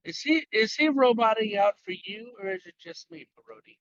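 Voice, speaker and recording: A man's voice: high voice, animated, fairly quick, fairly bright tone, no room sound. A man joking with his co-hosts over a garbled, robotic-sounding cell phone line while driving in a van. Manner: joking, rambling. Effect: garbled, robotic-sounding metallic cell phone line. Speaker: podcast co-host. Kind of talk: casual podcast chat. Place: inside a moving van. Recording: dull lo-fi cell phone call.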